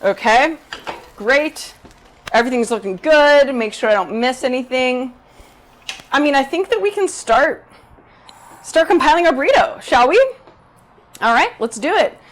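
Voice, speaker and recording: A young woman chats her way through a live cooking stream in her own home kitchen. Her voice sits a little high, and she talks loudly and eagerly. She speaks straight to the viewers the whole time. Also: animated, measured pace, pauses often. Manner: bubbly, chatty, addresses viewers directly; self-described loud talker. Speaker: cooking video host. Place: home kitchen in a Brooklyn apartment. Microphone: 360 camera rig.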